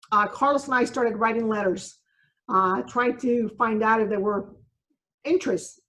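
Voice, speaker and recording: A woman judge in her sixties, originally from Cuba, answers interview questions at an everyday pitch. She speaks earnestly and reflectively, pausing often on ums and you-knows as she gathers her thoughts. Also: a bit bright, rough recording.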